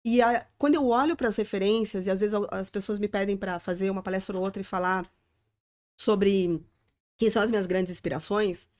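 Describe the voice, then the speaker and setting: A woman with a Southern Brazilian accent talks as a podcast guest, earnest and reflective. She often closes her phrases with a little questioning tag. Her pitch sits in a middle range. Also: fairly quick, a little mellow. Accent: Southern Brazilian (gaúcho). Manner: reflective, earnest, frequent "né?" tags. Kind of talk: conversational interview.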